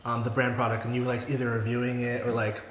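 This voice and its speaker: A man's voice: medium pitch, flat delivery, fast. A man in his twenties hosting a casual eating vlog, chatty and upbeat, laughing often. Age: 20s. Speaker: vlogger host. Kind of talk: casual mukbang chat. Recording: echoey room, faint noise.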